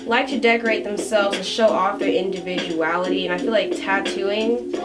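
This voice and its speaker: With a steady, mid-range voice at a moderate pace, a Japan-born tattoo artist around twenty chats through an interview. She's relaxed and laughs a lot. The recording carries loud background music.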